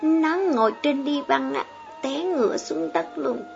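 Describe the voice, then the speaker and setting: A woman's voice: expressive, measured pace, gravelly, muffled recording, faint music behind, heavily acted. A woman doing a chatty young village girl. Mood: telling. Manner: high, chatty.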